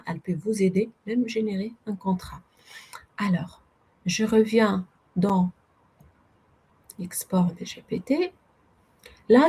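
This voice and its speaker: A woman presenting a webinar with a non-native French accent, walking viewers through a software demo and explaining step by step while typing. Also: medium pitch, breathy edge. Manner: explanatory, addresses audience as friends, self-corrects.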